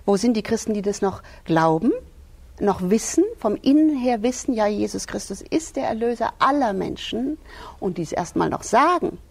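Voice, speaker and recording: A woman's voice: mid-range voice, very animated, moderate pace, creaky, a little mellow. A woman speaking earnestly about faith in an interview, emphatic, retelling scripture and checking in with "ja?". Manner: emphatic, retells scripture with quoted voices, frequent "ja?". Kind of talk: earnest religious discussion.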